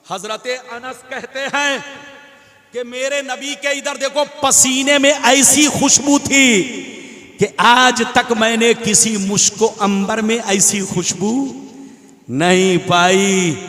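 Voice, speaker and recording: A man's voice: very high voice, pushed and bright. A man preaching a sermon to a large gathering, chanting quotations and urging the crowd to call back. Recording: echoey PA sound with long reverb.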